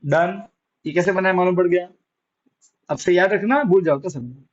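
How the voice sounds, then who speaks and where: A man's voice: high voice, moderate pace, muffled recording. A male science teacher, teaching a classroom physics lesson, coaxing students and answering his own questions.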